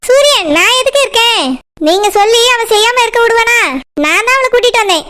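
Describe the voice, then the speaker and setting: A woman voicing a bold, bossy young girl in a cartoon, teasing and scolding briskly with a Kanyakumari Tamil accent. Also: very high voice, pushed and bright. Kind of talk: cartoon voice acting.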